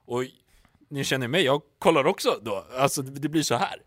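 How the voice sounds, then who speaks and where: Animated young man telling a story. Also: medium pitch, no echo, studio quality. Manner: animated storyteller, swearing and laughing. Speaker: podcast host. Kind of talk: casual podcast chat.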